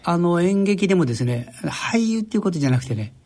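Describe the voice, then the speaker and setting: An older man from Japan, a journalist guest on a radio interview, telling stories in a relaxed way with wry self-deprecation. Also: high voice, fast talker. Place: radio studio.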